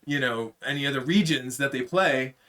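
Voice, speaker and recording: A man co-hosting a casual podcast, chatting in a relaxed way with frequent fillers. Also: mid-range voice, normal speed. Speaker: podcast co-host. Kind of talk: casual chat.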